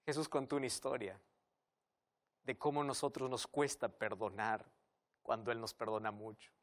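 A man's voice: medium pitch, fairly even intonation, normal speed. An earnest male preacher giving a devotional sermon, telling stories and speaking directly to the listener.

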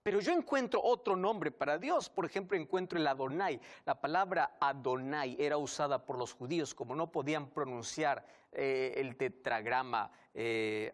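A male pastor preaching a sermon, teaching and putting rhetorical questions to the listener. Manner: swings between hushed low passages and raised emphatic ones.

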